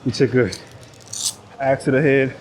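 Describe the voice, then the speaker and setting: Slight background noise and gym chatter surround a Nigerian man's unhurried, medium-pitched voice, which is a little mellow and fairly even in intonation. A fitness vlogger speaking English as his second language with a Nigerian accent, he jokes to the camera mid-workout using slang and occasional profanity. He's wearing a clip-on body mic in a busy indoor gym.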